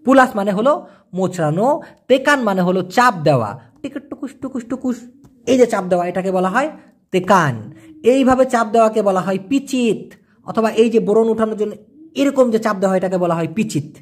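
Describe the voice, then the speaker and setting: Lively man teaching word meanings. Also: sits high, a little fast. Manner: explains step by step, often checks if listeners understood. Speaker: language teacher. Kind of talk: answering viewer questions in a lesson.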